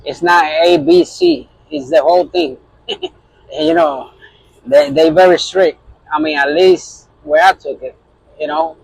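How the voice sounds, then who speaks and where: A truck driver from Puerto Rico chats casually to his phone for a vlog, wandering through his thoughts with fillers and restarts. His fairly high, gravelly voice sounds animated yet unhurried, and the poor audio includes slight background noise.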